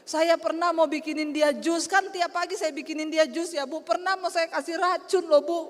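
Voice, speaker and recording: A woman preacher voicing an embittered wife who calmly confides her grudges against her husband. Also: very high voice, moderate pace, voice pushed up. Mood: confiding. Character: embittered wife, matter-of-fact about poisoning her husband. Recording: long hall reverb.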